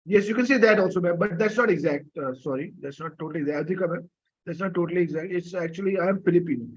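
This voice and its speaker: A man's voice: high voice, very fast, slightly rough, highs cut off. A man teaching an online French class, patiently coaxing students for answers, with many fillers and coughs. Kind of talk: live online class lecture.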